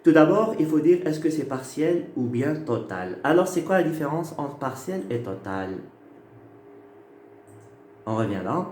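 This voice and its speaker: A man teaching a class, explaining slowly and patiently and repeating key words. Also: medium pitch, a little mellow. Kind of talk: phonetics lecture. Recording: echoey room with faint noise.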